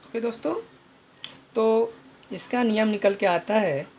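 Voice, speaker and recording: A man's voice: high voice, unhurried, darkish tone, a little hiss or hum. A man teaching an online pronunciation lesson, spelling out letters and repeating each sound, often addressing viewers as friends.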